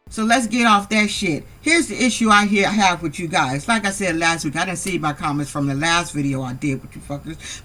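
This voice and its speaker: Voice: medium pitch, a bit bright. Sassy, profane reality-show recapper. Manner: sassy, blunt and heavily profane; exasperated rhetorical asides. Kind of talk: casual reality TV recap commentary.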